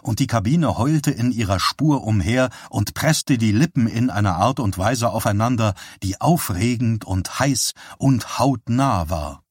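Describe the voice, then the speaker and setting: A man narrating an audiobook with even, measured storytelling. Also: fairly low pitch, husky, no room sound, studio quality. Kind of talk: scripted narration.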